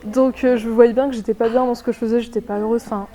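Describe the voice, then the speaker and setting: A woman's voice: on the high side, steady tone, fast, mellow. A woman in her twenties telling her story in an interview, hesitant and full of fillers. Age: 20s. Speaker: art prep student. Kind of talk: casual interview answers.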